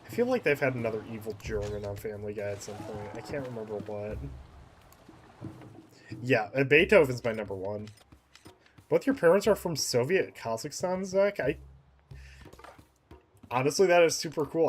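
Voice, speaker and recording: A man's voice: mid-range voice, expressive, normal speed, long pauses, soft background music. A man casually chatting on a game livestream, thinking aloud and laughing often. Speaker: game streamer.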